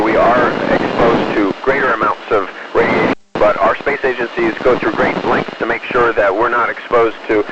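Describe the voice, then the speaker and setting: A man, an astronaut, answering questions over a space radio link in a measured, explanatory way with hesitant pauses. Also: mid-range voice, lo-fi sound, very noisy. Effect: space radio transmission. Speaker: astronaut aboard the space station. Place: inside an orbiting space station.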